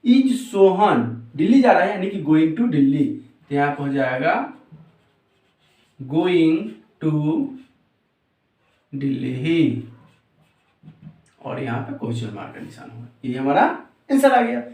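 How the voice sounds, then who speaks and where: A man teaching English grammar in a lesson, explaining each step slowly and repeating words. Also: on the high side, big pitch swings, gravelly, a little mellow, far from the mic. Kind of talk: Hindi-language grammar lesson. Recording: roomy echo, voice off-mic.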